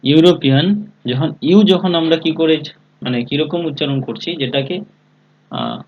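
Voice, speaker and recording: A man's voice: on the high side, normal speed, vocal fry, highs cut off. Patient man teaching a spelling lesson. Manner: spells words letter by letter and keeps asking if students understood; calls on students by name. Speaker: English teacher. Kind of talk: live online class lesson.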